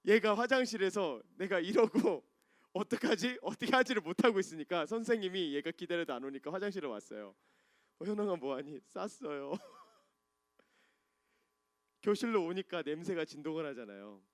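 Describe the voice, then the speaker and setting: A man preaching a sermon as a pastor, telling a story from his childhood, swinging from hushed moments to loud climaxes. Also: sits high, animated, normal speed, no room sound, studio quality. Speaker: pastor and worship leader.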